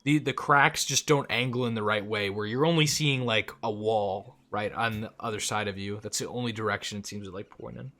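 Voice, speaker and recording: A man's voice: lowish voice, steady tone, fairly quick, hardly any pauses, bright, forceful tone. A man acting as game master, narrating a tabletop game and asking players for their actions.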